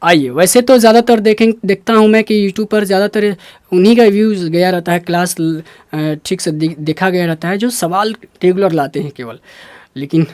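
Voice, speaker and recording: A man with a Bihari Hindi accent teaching a Hindi pronunciation lesson, explaining step by step and repeating sounds slowly. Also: high voice, a little mellow, dry recording.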